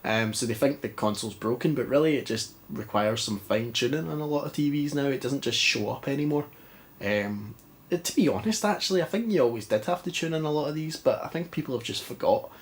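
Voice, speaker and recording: In a dimly lit living room, a Scottish man who makes retro gaming videos tries out an old console while chatting away, rambling and making jokes at his own expense. His voice is mid-range, expressive and brisk, but sounds stuffy and congested.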